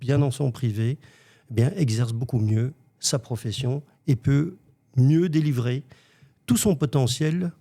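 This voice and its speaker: Man, 50s, grew up in Africa, guest coach, measured storytelling, mellow tone. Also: medium pitch. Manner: measured storytelling, builds points in lists. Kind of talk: interview answers.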